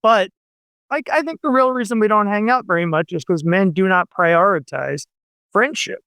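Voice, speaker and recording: A man's voice: high-pitched, normal speed, vocal fry, sharp tone, dry recording. A man in his forties, a novelist guest on a radio show, talking in a rambling way with many fillers and restarts. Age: 40s. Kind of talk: casual radio interview chat.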